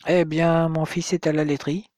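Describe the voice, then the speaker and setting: A narrator voicing a gruff, curt older man, the father of the hero's friend, raising the voice a little for him. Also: medium pitch, flat delivery, moderate pace, a little mellow, no room sound, clean studio sound, lightly acted. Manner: terse, curt speech.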